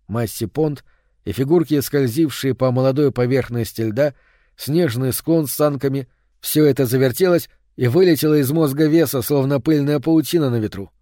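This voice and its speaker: A man's voice: mid-range voice, mellow, dry recording. Man narrating an audiobook in a dry voice. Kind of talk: scripted narration.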